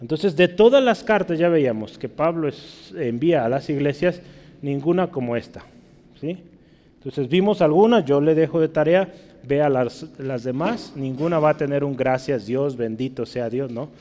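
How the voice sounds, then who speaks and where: A man teaching a Bible class in Spanish, checking in with his listeners and spelling out Greek words slowly. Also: a little high, dark tone, in a large hall. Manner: checks in with listeners, asking "¿verdad?" and "¿sí?".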